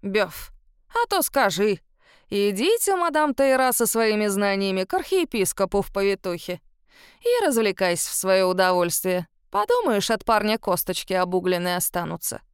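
A cantankerous old great-grandmother, as the woman reading puts her on, with a gruff, goblin-like croak in an audiobook. She drags her words out slowly and scolds in a mid-height voice. The sound is close and dry. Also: mid-range voice, big pitch swings, dry recording, close to an everyday voice. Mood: mocking. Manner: scolding, cackling, drawn-out words.

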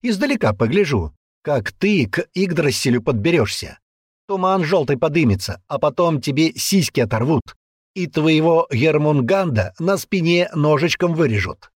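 A man doing a yelling brutish thug. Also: on the high side, animated, moderate pace, husky, no room sound, clean studio sound, voice pushed up. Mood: ranting. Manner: aggressive ranting, yelling threats. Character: brutish hot-tempered young man, tattooed thug. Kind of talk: audiobook character voice.

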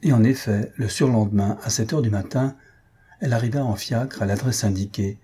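A man narrating a classic story in a steady audiobook reading. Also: on the low side, brisk, slightly rough.

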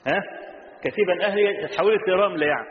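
Egyptian preacher in an echoey hall. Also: male voice, high voice, quick pace. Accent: Egyptian Arabic. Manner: colloquial, explains classical words in dialect, asks rhetorical questions. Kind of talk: sermon storytelling. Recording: echoey hall, muffled lo-fi audio.

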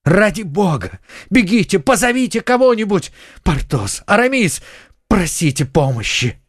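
A man reading an audiobook and voicing a hot-blooded young male musketeer who shouts in desperation. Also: fairly high pitch, sing-song, measured pace, no room sound, studio quality, pitched above the performer's own voice. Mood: frantic. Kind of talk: audiobook character voice.

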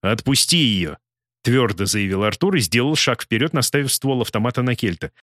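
A man narrating a dramatic audiobook in an expressive, theatrical manner. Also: medium pitch, a little fast, no echo, studio quality.

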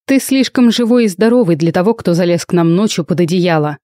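A woman's voice: lowish voice, expressive, fairly quick, dark tone, no room sound, clean studio sound, lightly acted. A woman reading a hot-tempered dragon student. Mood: angry. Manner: curt and challenging.

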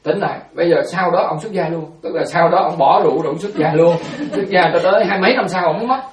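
Fields: male Buddhist monk. Style: fast, animated dharma storytelling with a fairly high voice. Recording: roomy, distant. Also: crowd noise. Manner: animated storyteller, repeats words, acts out quotes.

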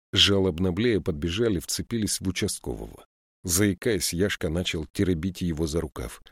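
A man narrating an audiobook in a measured storytelling manner. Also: sits low, no echo, studio quality. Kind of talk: scripted narration.

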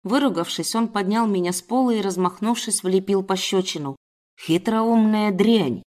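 A woman's voice: medium pitch, a little fast, a little mellow. Woman narrating a first-person story.

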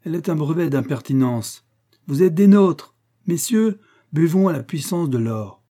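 A man reading the part of a boastful, grandiose rich banker toasting gold in an audiobook, declaiming loudly. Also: mid-range voice, moderate pace, close to an everyday voice.

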